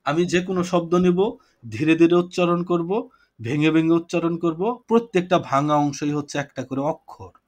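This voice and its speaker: A man's voice: on the high side, fairly quick, a little mellow. A man teaching a poetry class over a video call, explaining points patiently, repeating them and asking his students questions. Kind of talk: online class lecture.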